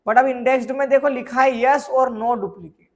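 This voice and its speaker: A man teaching a software course, explaining with everyday examples and often asking whether students have understood. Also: extremely high pitch, fairly even intonation, normal speed. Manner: keeps checking if students follow; asks rhetorical questions and answers them. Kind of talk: screen tutorial lesson.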